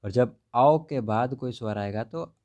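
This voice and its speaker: Man teaching grammar, mellow tone. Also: mid-range voice, measured pace, dull audio. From India. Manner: repeats key words and keeps asking "what does it become" before answering. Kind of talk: grammar lesson explaining examples step by step.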